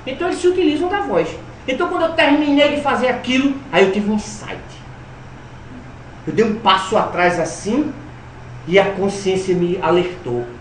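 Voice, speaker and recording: A man from Alagoas gives a spiritist lecture, telling personal stories with humor and sudden swings between loud and soft. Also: high voice, normal speed, a little hiss or hum. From Alagoas, Brazil. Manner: animated, humorous storyteller with dramatic swings in loudness. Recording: roomy hall, voice from a distance, faint ambience.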